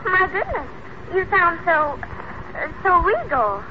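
A spirited young American sweetheart in a radio comedy, teasing and gushing. Her voice is very high and lively, on a dull, noisy old broadcast recording. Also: takes it slowly, full character voice. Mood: brisk, teasing. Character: spirited young sweetheart, quick to tease and gush.

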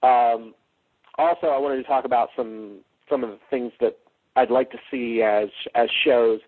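A man hosting a casual podcast, rambling and thinking aloud in a halting way, recorded on a cheap, lo-fi microphone. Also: mid-range voice, steady tone. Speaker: podcast host. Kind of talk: casual unscripted podcast discussion.

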